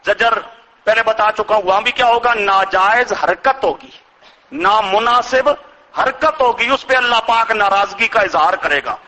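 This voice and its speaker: A man's voice: high voice, pushed and bright, low-quality recording. An older male Islamic scholar with a Punjabi accent, giving a sermon that poses rhetorical questions to his listeners and chants Quranic verses.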